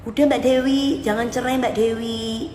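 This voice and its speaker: A woman's voice: fairly high pitch, fairly even intonation, moderate pace, a little mellow, reverberant, long reverb tail, faint music behind. A woman, hosting a casual live stream and bluntly scolding viewers as she answers their comments. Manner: blunt, scolding, mixes Javanese into Indonesian.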